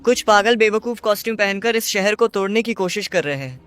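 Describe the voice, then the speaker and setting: A youthful hero speaks in a bright, very high voice. He is earnest and quick-witted, in the manner of a dubbed video game, with music underneath. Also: lively intonation, clean tone. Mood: determined. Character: young male superhero, earnest, quick-witted, pleading.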